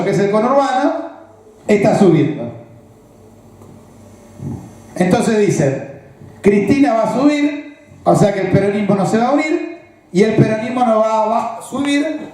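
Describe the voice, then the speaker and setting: A man's voice: high voice, darkish tone. A man with a Rioplatense Argentine accent giving a political analysis speech, explaining step by step and checking that his listeners follow. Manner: explanatory, asks the audience rhetorical check-in questions. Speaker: political speaker. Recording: very echoey, roomy recording.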